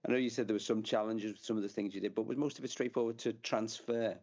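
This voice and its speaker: A man's voice: on the low side, fairly even intonation, quick pace, darkish tone, dull audio. A man hosting a podcast, asking questions in a friendly, conversational way. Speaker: podcast host. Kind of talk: casual interview.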